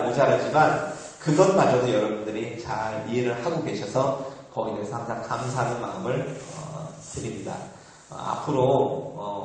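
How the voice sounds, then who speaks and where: Echoey Korean monk telling a story. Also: male voice, mid-range voice, darkish tone. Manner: conversational, with frequent "eo" fillers and laughs. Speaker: monk giving a dharma talk. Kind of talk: informal Buddhist dharma talk with storytelling. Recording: very echoey, far from the mic.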